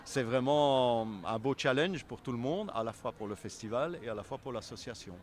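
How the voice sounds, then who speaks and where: A man with a mid-range voice speaks at normal speed, answering interview questions in a conversational, explanatory way and rephrasing as he goes. He is a member of a film selection association, and faint city noise can be heard in the background.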